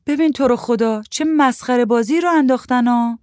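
A woman's voice: mid-range voice, lively intonation, darkish tone, no echo, clean studio sound, lightly acted. A woman doing a teasing young wife. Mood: squealing. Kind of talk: storybook reading.

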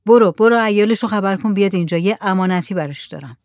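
A woman's voice: medium pitch, darkish tone, no echo, clean studio sound, lightly acted. A woman voicing a brusque truck driver. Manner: curt questions.

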